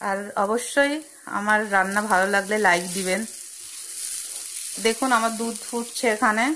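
The audio is poor, with a little hiss or hum, as a young woman records her cooking channel voice-over on a phone in her home kitchen. Over a frying, sizzling pan at the gas stove, she chats step by step with fillers and asides in a medium-pitched, slightly bright voice.

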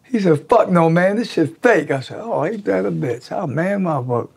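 A man in his sixties tells rough, profane stories in a relaxed interview. His voice sits a little high for a man. He acts out the people he quotes with lively swings in pitch. He was recorded seated in a small indoor studio. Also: moderate pace. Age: 60s. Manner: animated, profane storyteller who acts out quotes. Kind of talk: casual storytelling interview. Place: indoor studio in front of a draped backdrop.

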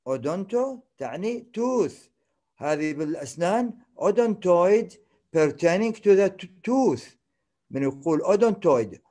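A man's voice: high-pitched, dark tone. A man with an Iraqi Arabic accent lecturing on medical terminology, repeating each term, dropping English terms into his explanation and checking that the class follows.

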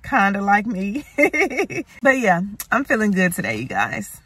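Very animated and a bit bright, a woman with a medium-pitched voice speaks at a measured pace while vlogging. She's in her thirties, American-accented, and chats casually with viewers she calls y'all, moving between a parked car and her home kitchen as a lifestyle host.

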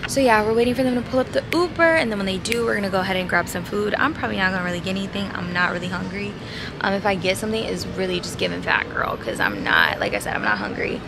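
A woman's voice: mid-range voice, lively intonation, fast talker, creaky. Sassy young woman vlogging outdoors at night. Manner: chatty, sassy, addresses viewers as y'all and babes. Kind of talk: casual vlog talk to camera. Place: outdoor city terrace at night. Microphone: handheld camera at arm's length. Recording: noisy outdoor city street.

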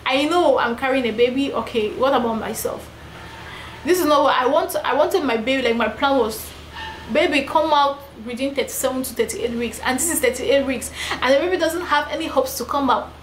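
A woman's voice: high-pitched, fairly quick, slight background noise. A young pregnant woman vlogging to camera, venting in an emphatic, repetitive way. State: heavily pregnant. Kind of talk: personal vlog, talking to camera. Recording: echoey room with faint ambience.

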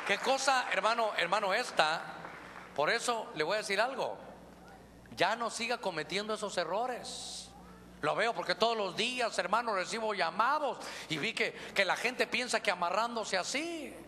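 A male pastor with a Honduran accent, preaching a lively, joking sermon and calling listeners brother. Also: high-pitched, normal speed, a faint crowd. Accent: Honduran Spanish. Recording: reverberant church hall, faint noise.

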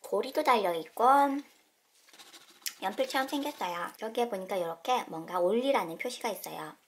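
A woman's voice: mid-range voice, lively intonation, normal speed, noisy background. A woman hosting a toy unboxing video, narrating cheerfully for children with playful exclamations. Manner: playful, exclaims often, talks to kids.

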